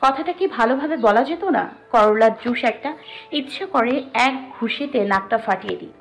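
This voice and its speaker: A woman voicing a spirited young woman who mutters and sulks, over soft music. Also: on the high side, moderate pace, roomy sound, natural voice, low-quality recording. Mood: sulky. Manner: sulky, muttering. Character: sulky, spirited young woman, cheeky and mumbling.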